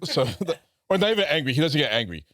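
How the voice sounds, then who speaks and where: A man's voice: on the high side, sing-song, fast talker, fairly bright tone. A man from Brooklyn co-hosting a podcast, telling a story loosely with frequent laughs and swearing. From Brooklyn, New York. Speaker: podcast co-host. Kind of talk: casual storytelling chat.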